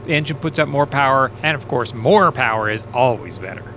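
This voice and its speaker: A man, a private pilot, explains his flight in a relaxed, casual voice-over. His voice is bright and forward. A faint noise sits behind it. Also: medium pitch, a little fast. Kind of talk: casual vlog voice-over narration.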